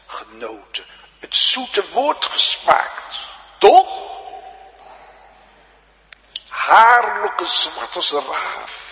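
A man preaching a sermon, swinging from loud emphatic exclamations down to hushed whispers. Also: mid-range voice. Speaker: pastor. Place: church. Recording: dull lo-fi church recording with long reverb.

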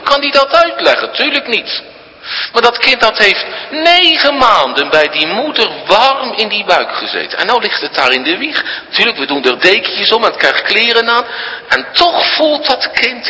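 A man's voice: high-pitched, pushed and bright. A man preaching a sermon to his congregation, emphatic and full of rhetorical questions. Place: church. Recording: long church reverb.

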